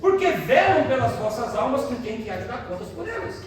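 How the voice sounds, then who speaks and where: A man's voice: very high-pitched, very animated, fairly quick. A man with a Brazilian accent, a pastor preaching a sermon with personal testimony, calling the congregation brothers and asking for amens. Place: church hall, indoors. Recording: very echoey church hall, mic far off.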